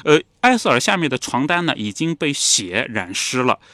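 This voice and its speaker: A man hosting a podcast, retelling a novel in an animated, storytelling chat. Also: medium pitch, normal speed, no echo. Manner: animated storyteller, acts out lines. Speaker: podcast host.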